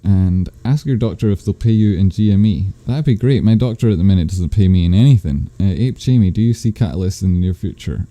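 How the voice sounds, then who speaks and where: A Scottish stock stream host reads chat comments aloud during a live stream, adding dry, teasing, rambling asides. His bassy, warm voice comes briskly with hardly any pauses through a desk microphone, with no echo.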